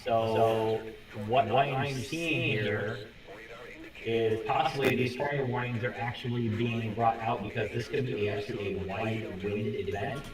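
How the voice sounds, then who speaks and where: A man calling in by phone to report storm warnings, his voice echoing from a second device, halting and repeating words as he reads the radar. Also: fairly low pitch, fairly even intonation, over music. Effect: echo from a second device feeding back. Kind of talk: live weather call-in report. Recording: heavy echo, distant phone mic, background chatter.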